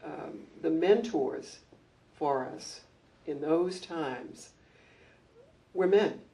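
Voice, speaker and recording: An older woman, a former school principal, reminiscing at a community gathering in an anecdotal, measured way with frequent ums. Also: low voice, mellow. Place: library meeting room. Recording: distant mic.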